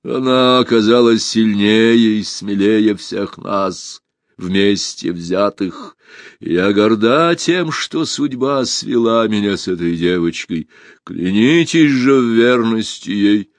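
A man voicing a proud, wronged old empress in an audiobook, speaking slowly and solemnly. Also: lowish voice, no room sound. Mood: grave. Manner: slow, solemn, commanding. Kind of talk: audiobook character voice.

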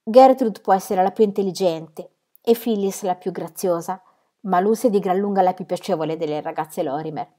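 A man's voice: high-pitched, moderate pace, warm tone, close to an everyday voice. A woman reading a breezy young man in a storybook. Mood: teasing.

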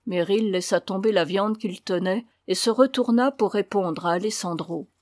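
A woman narrating a novel in a steady, even voice of middling pitch. The recording is dry and close-miked, with no room sound. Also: moderate pace, no room sound. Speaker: audiobook reader. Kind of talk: scripted narration.

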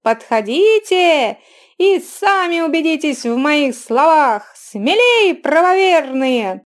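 A woman voicing a pushy, flattering young male bazaar barker who calls out in high, drawn-out, loud cries. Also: exaggerated voice. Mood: hawking.

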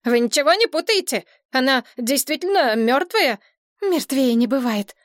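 A woman reading an audiobook, voicing a frightened young heroine in shock who pleads in a high, breathless voice. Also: a little slow, dry recording, studio quality. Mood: urgent.

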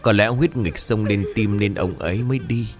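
A man voicing a solemn old village healer who speaks gravely and measuredly. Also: fairly low pitch, normal speed, faint music behind, natural voice.

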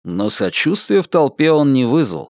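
Expressive male audiobook narrator. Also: mid-range voice, moderate pace, no echo, clean studio sound. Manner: dramatic, expressive reading. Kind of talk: scripted narration.

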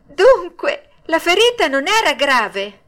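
A woman voicing a frightened, excitable wooden puppet boy in a storybook reading, shrill and breathless. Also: moderate pace.

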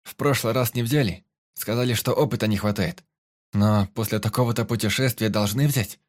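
A man's voice: on the low side, brisk, lightly acted. A man voicing an eager, proud young man in an audiobook, boasting about his plans.

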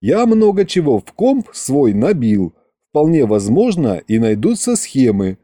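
A man narrating an audiobook with lively, expressive delivery. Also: medium pitch, a little slow, no room sound, studio quality.

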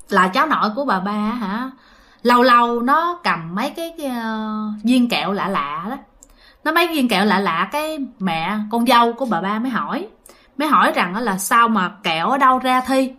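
A woman with a fairly bright voice on the high side tells a ghost story casually and chattily, speaking straight to her listeners.

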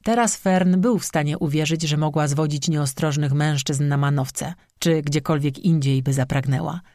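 Audiobook narrator with a wry, sarcastic delivery, dry close recording, mid pitch. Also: normal speed, darkish tone, no echo.

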